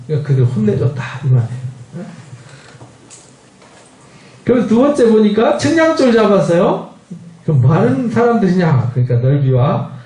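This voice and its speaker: A man with a high-pitched voice that rises and falls a great deal teaches scripture in an animated lecture. He acts out dialogue with laughs and keeps throwing questions at the listeners. He is heard from a distance in an echoing church hall. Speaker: pastor. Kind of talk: lively Bible lecture.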